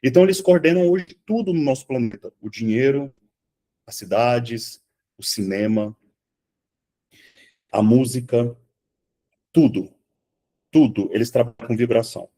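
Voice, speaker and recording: Guy teaching an online spiritual class from his house, goes quiet then yells, swears a lot. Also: mid-range voice, unhurried, long pauses. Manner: swings from hushed to shouting, swears freely. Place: at home.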